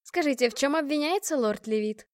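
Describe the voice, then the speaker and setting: A woman voicing a loud middle-aged female reporter who hypes a scandal in an audiobook. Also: sits high, brisk, no echo, clean studio sound. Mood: excited. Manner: loud, sensational.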